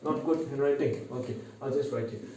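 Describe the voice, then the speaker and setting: A man's voice: mid-range voice, a little fast, warm tone, slight background noise. A man with a Naga accent from Northeast India teaches an informal maths lesson, conversational, repeating key words and checking in with short tag questions. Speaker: online mathematics teacher. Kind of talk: informal video lesson mixing English and local speech. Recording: echoey room, distant microphone.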